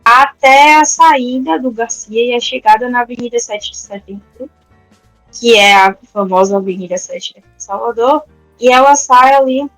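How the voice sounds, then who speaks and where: Speaking on a podcast as a guest, a teacher and researcher from a Salvador, Brazil neighborhood explains things casually, full of fillers and restarts. Her voice leans high and a bit bright. The recording is low quality, with no room sound.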